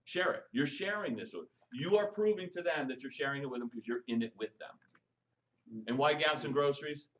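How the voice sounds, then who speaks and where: A man coaching a live audience on texting for network marketing, lively and jokey, firing questions at the room. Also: medium pitch, brisk, dull audio. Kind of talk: live stream training talk to an audience.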